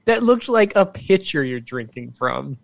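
A man's voice: a little high, sing-song, unhurried, gravelly, dry recording. A man co-hosting a podcast, talking in a teasing, dry and questioning way. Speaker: podcast co-host. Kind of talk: casual podcast chat.

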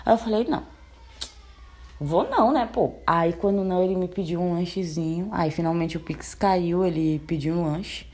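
A woman in her twenties telling a story in a casual, animated way, laughing often and acting out both sides of the talk. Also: on the low side, normal speed. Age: 20s. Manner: animated, laughing, quotes herself and her date. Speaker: storyteller recounting a bad date.

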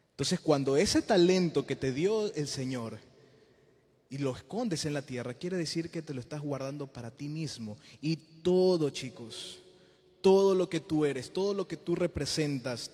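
A man preaching an informal sermon to a youth group, lively and acting out the voices of the people he quotes. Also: fairly high pitch, husky, long reverb tail. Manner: animated, acts out quoted voices.

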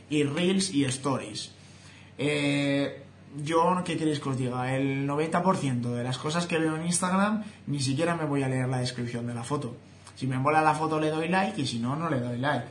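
A man's voice: a little high, a little hiss or hum. A young man with a Spain Spanish accent, giving an opinionated casual vlog monologue as a social media creator, speaking straight to his viewers. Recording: roomy echo, faint ambience.

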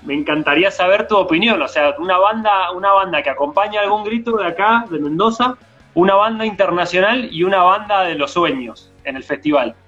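A man's voice: high-pitched, a little fast, bright, forceful tone, muffled recording, soft background music. A man with an Argentine accent hosting a casual online interview, chatty and laid-back, full of slang, on a video call. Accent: Argentine Spanish. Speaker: host.

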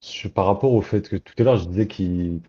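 A man's voice: low-pitched, brisk, dark tone. A man in a casual discussion who hesitates, restarts his sentences and thinks aloud. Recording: dull lo-fi recording.

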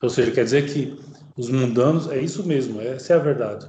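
A man's voice: medium pitch, dark tone, a little hiss or hum. Man preaching in an echoey room. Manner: alternates slow solemn reading with quick conversational commentary. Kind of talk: sermon commenting on a read text.

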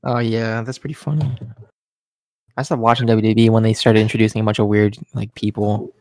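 A man's voice: fairly low pitch, flat delivery, a little fast, darkish tone, no room sound, studio quality. A man hosting a casual podcast chat, rambling and hedging with many fillers. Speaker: podcast host.

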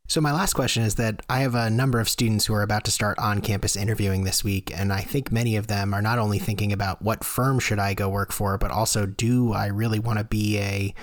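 A man interviewing a guest about legal careers, asking calm, measured questions for his students. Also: fairly low pitch, dry recording, clean studio sound. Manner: calm, measured, listens with short agreements. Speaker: interviewer, teaches law students.

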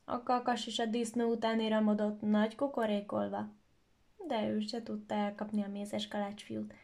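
A woman telling a children's story aloud in a lively, expressive way. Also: medium pitch, creaky.

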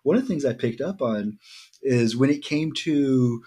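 Appearing as a guest on a podcast, a sport psychologist explains his ideas thoughtfully in a casual chat. His voice is medium-pitched, mellow, and husky, with a measured pace, frequent ums, and easy laughter.

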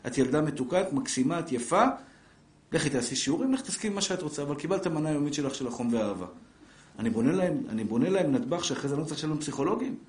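A middle-aged man leads a religious class before a live audience. His voice sits somewhat high, and he is lively and joking as he speaks straight to his listeners and acts out little family scenes. The recording carries the echo of the room. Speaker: Torah teacher. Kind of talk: live Torah lesson to an audience. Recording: echoey room.

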